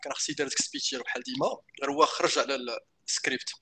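A man's voice: mid-range voice, fairly even intonation, racing, pushed and bright. A man with a Moroccan accent co-hosting a casual chat, rambling and often restarting his sentences. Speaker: podcast co-host. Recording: faint background noise.

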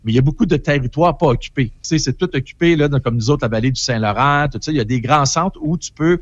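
A man's voice: fairly high pitch, fast talker, no room sound, lo-fi sound. A man with a Québécois French accent, giving an opinionated, rambling entertainment column in casual radio chat.

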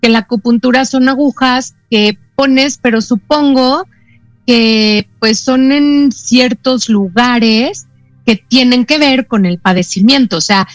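A woman with a Mexican Spanish accent hosting a radio talk show, telling anecdotes in a lively way with quick asides. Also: fairly high pitch, dry recording, faint music behind. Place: radio studio.

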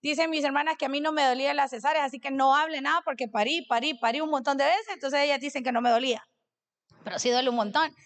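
A middle-aged woman delivers a sermon in a high, bright-toned voice. She keeps it conversational, tells stories and turns to the congregation with questions. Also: fast talker. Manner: conversational, asks the audience questions. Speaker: preacher. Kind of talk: sermon with personal testimony.

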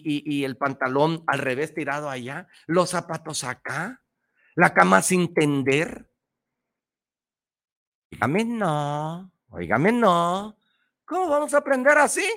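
A man's voice: fairly high pitch, measured pace, a bit bright. A middle-aged man with a Mexican accent giving a slangy, emphatic motivational talk on the radio, repeating his points. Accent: Mexican Spanish.

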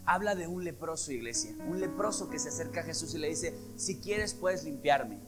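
A man preaching a sermon, emphatic and shifting between loud stresses and hushed asides. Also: a little high, expressive, normal speed. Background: soft guitar music.

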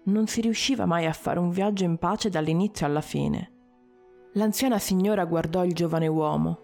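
A woman narrating a story in a measured way, with short dramatic pauses. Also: fairly low pitch, gravelly, darkish tone, soft background music.

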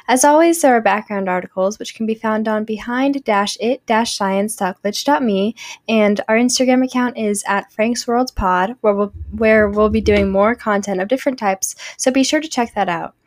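A woman hosting a fiction podcast, reading the story aloud in a plain, steady scripted narration. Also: medium pitch, moderate pace, dry recording, studio quality.

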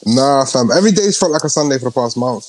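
A man's voice: medium pitch, expressive, fast, darkish tone. A young man with a London roadman accent, chatting and joking in slang with his friends. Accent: London, urban roadman slang. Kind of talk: casual group banter.

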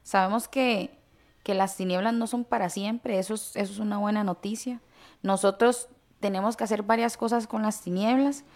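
A woman's voice: mid-range voice, fairly even intonation, normal speed, darkish tone. A woman in a casual religious discussion, explaining and listing points one by one.

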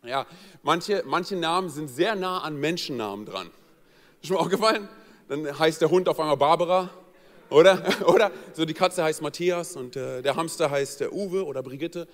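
At normal speed and with a voice a little on the high side, a pastor tells a funny personal tale within his sermon. He performs the quoted voices in a lively, joking way, recorded with the long reverb of a church hall.

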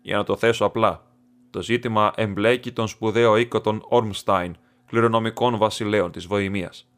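A man's voice: on the low side, steady tone, fairly bright tone, clear, resonant tone. A man reading as a stately masked nobleman. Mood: grave, secretive. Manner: formal, stately, measured speech. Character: masked foreign nobleman, imposing, formal, secretive.

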